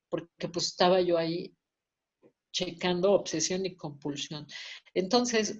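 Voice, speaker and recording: A woman's voice: medium pitch, darkish tone. A woman with a Mexican accent tells her own story to a support group. She speaks candidly and with feeling, acts out the voices she quotes and swears casually. Her mid-range voice comes through slightly dull, lo-fi audio. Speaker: support group member sharing. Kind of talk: personal testimony at a support meeting.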